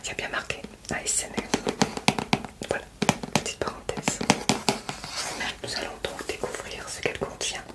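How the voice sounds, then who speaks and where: Softly whispering woman, halting unboxing. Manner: soft, halting whisper with many fillers; gushing over a subscription box unboxing. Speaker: ASMR creator. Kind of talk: whispered role-play.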